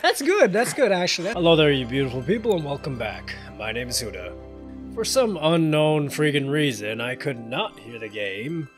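Late at night, a tired young man hosts a casual let's-play for his gaming channel, cursing, laughing and talking back at the game. His voice, a little high and very animated, moves at a normal speed against loud game music.

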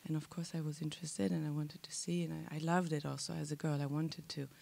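A woman talks into a handheld mic on a large theater stage. Her voice is gravelly with a lot of fry and stays fairly flat in pitch. She speaks candidly and playfully, with a self-deprecating touch. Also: quick pace. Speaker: actress. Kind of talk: festival panel talk.

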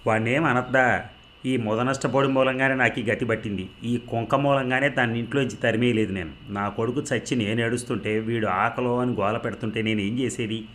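A man voicing a sharp-tongued, bitter old grandmother who scolds in a raised voice, in a storybook reading. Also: medium pitch, steady tone, fairly quick, a little hiss or hum, lightly acted.

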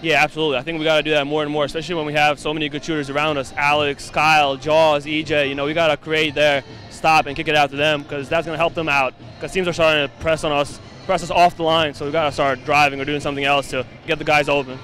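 Young male athlete, rapid even-toned postgame answers, handheld mic in an arena. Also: on the high side, faint music behind. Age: young adult. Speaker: college basketball player. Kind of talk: postgame interview. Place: indoor arena. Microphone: handheld interviewer mic.

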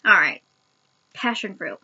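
Eating sour candy for a taste challenge, this young woman talks casually to her webcam at arm's length inside a small home room. She sounds medium-pitched, expressive and unhurried, with a pushed, bright delivery and a breathy edge, captured in lo-fi audio.

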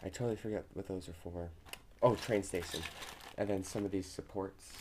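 A young man talks through a casual home vlog in a fairly low voice, upbeat and chatty, often stopping for an um. He records on a phone in a small bedroom, with a faint hiss behind him. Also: fairly even intonation, a little fast. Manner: chatty, upbeat, with frequent ums. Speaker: vlogger.

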